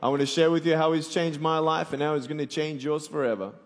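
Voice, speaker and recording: Speaking quickly in a slightly high, steady voice, a young Australian evangelist in his twenties jokes and motivates a live crowd through a sermon, calling on them to answer back. The recording carries a long hall reverb.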